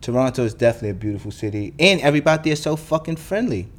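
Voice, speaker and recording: Brief: heated, foul-mouthed young New guy, solo podcast host, mid-pitched voice. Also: animated, rapid-fire. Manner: profane, blunt, heated ranting.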